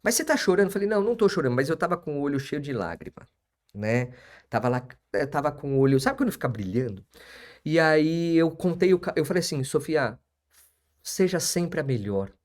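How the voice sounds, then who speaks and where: A man's voice: fairly high pitch, lively intonation, a little fast. A man, hosting a live stream as an auctioneer and lawyer, repeating his phrases for emphasis and chatting with viewers.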